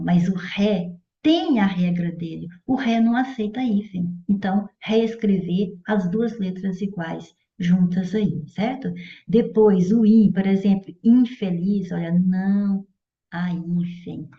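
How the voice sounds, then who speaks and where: Brazilian woman, grammar teacher, patient and didactic, keeps checking understanding; dull, roomy recording. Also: medium pitch. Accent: Brazilian Portuguese. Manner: didactic, checks in with "certo?" and "olha". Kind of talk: explanatory exam-prep lesson. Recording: dull echoey room audio.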